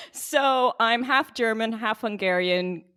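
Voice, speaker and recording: A woman's voice: a little high, expressive, slow, a bit bright, clear, resonant tone. A woman from Ireland guesting on a casual podcast chat, laughing easily and poking fun at herself. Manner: laughs easily, self-mocking.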